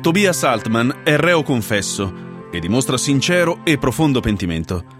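A man playing a judge who reads out a court sentence in a measured, formal way, with music behind him. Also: medium pitch, very animated, lightly acted. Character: stern formal judge reading a verdict.

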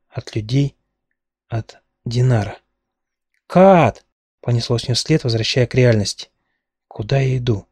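A man reading a first-person novel aloud at a steady, measured pace. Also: mid-range voice, slightly rough, dry recording, studio quality. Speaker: audiobook narrator.

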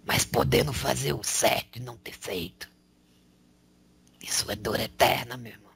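A man channeling a male spirit who preaches in a slangy, raspy whisper, tagging lines with rhetorical questions. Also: medium pitch, normal speed, fairly bright tone, slight background noise. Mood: preaching. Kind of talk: spiritual counsel.

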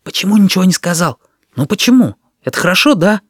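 A man's voice: very animated, fast, breathy edge, no room sound, clean studio sound, exaggerated voice. A man voicing a small boy who flares up in anger at a meeting. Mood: anxious. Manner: shrill, furious.

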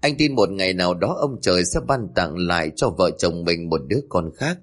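A man playing a gentle anguished young husband. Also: on the low side, lively intonation, fairly quick, breathy edge. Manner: gentle, pleading.

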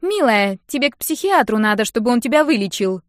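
Woman doing a loud, mocking young woman. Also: sits high, animated, moderate pace, no room sound, clean studio sound, voice pushed up. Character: brash loud young woman friend, sharp-tongued.

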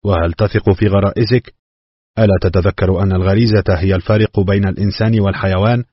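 A man reads a calm therapist in an audiobook who presses with measured questions. His voice is low and husky, in a dry, dull recording. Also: dry recording. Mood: probing.

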